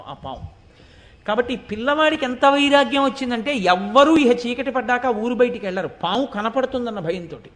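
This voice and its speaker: Guy with a high voice telling a devotional story, animated, throws questions at listeners. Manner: animated, rhetorical questions to the audience. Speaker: devotional speaker.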